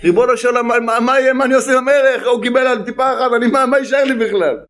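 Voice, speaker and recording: A poor, frightened servant pleads and stammers through his worries, played by a male preacher. The voice is very high-pitched. It is told within a spoken parable. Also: steady tone, fairly bright tone. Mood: pleading.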